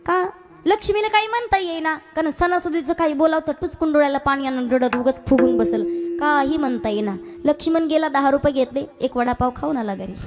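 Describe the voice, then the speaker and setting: High-voiced woman preaching a comic kirtan. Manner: storytelling with acted village dialogue and audience questions; breaks into sung verses. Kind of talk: comic devotional kirtan sermon.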